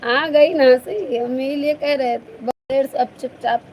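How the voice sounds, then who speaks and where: A woman's voice: high-pitched, unhurried, darkish tone, slight background noise, poor audio. A woman hosting a casual live stream, chatting playfully with viewers and teasing them with laughter.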